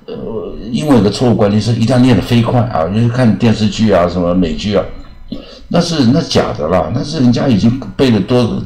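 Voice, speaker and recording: An older man teaching English, chatty and repetitive, who slowly reads English legal text aloud. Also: lowish voice, warm tone, roomy sound. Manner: chatty, repeats phrases with drawn-out particles; slow, careful read-aloud of English text. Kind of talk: lecture.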